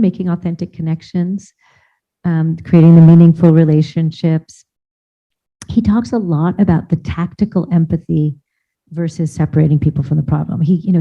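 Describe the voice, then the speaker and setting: A woman speaks at a conference in a casual, rambling way, tossing in fillers and restarting her sentences. Her voice is on the lower side. The recording is somewhat dull, as though the highs were cut off. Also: gravelly. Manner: chatty, many fillers and restarts. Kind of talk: informal conference talk.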